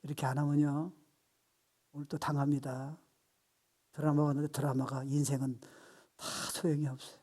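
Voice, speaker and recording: A man in his sixties preaching a sermon as pastor, animated and playful, acting out voices and laughing at his own jokes. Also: a little high, moderate pace, pauses often.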